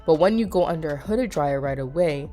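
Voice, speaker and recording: A young woman, a beauty vlogger, does a casual voice-over for a hair vlog in a low, expressive, brisk voice with a dark tone, faint music behind her. She's chatty and explanatory, calling viewers "you guys," and sounds a bit nasal from a cold.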